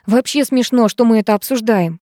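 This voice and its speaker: A woman's voice: a little high, fairly quick, mellow, dry recording, pitched above the performer's own voice, lightly acted. A blunt schoolgirl friend grumbles and speaks her mind in a raised voice, as a woman narrator puts her on. The storybook reading is close and dry. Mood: grumbling.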